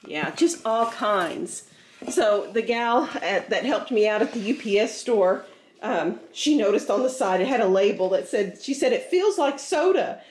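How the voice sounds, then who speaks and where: A woman's voice: mid-range voice, moderate pace. A woman hosting a casual family unboxing chat at home, chatty and thankful and often laughing. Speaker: family channel host, mother. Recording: roomy home room, faint noise.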